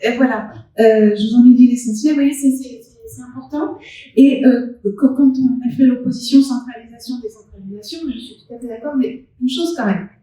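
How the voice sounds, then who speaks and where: A woman's voice: a little high, a little fast, mellow, distant mic. A woman on a conference round-table panel, speaking with many restarts and fillers and pressing her points with emphasis. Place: conference hall at a live event. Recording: very echoey hall, recorded from afar.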